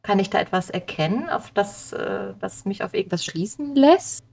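A woman's voice: medium pitch, animated, normal speed, vocal fry, darkish tone. Mid-voiced woman playing a tabletop game. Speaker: player. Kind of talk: tabletop role-play, switching between first and third person.

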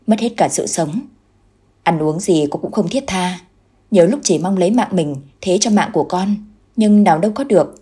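A woman's voice: lowish voice, breathy edge. A woman narrating a ghost story in a scripted storytelling style. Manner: voices the characters with raised, louder delivery.

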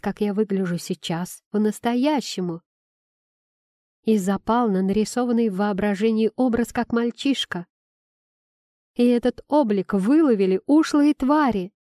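Warm-voiced woman reading an audiobook. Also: mid-range voice, no room sound, studio quality. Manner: expressive storytelling reading. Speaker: audiobook narrator. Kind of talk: first-person audiobook narration.

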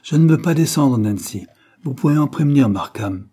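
A man's voice: mid-range voice, lively intonation, normal speed, mellow, husky, pitched above the performer's own voice. A man reading aloud and voicing an arrogant, spoiled teenage boy who talks in a scornful, bossy way. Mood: insolent.

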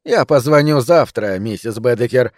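A man voicing a calm, patient doctor who speaks in a measured, reassuring way. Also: medium pitch, dry recording, clean studio sound, natural voice.

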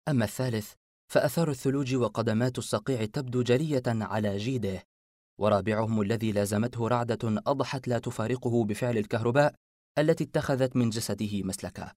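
A man narrating an audiobook in a steady, measured voice of middle pitch. The recording is dry and close, with no room sound. He reads at an even pace. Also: no echo.

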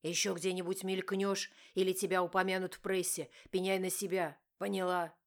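A woman voicing an angry, domineering young husband who growls and shouts harshly. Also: low voice, steady tone, a little fast.

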